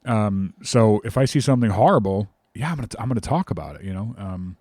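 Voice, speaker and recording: A man's voice: fairly low pitch, lively intonation, quick pace, warm tone, dry recording, studio quality. Candid, self-deprecating man talking music. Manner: candid, self-deprecating, trails off and repeats words. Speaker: guest musician. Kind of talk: casual conversation.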